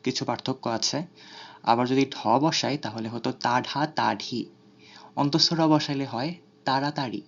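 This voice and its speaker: A man talks through an online grammar lesson. He is measured and explanatory, and he pauses between terms. His voice sits at an everyday middle pitch, and the recording sounds a little dull. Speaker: teacher.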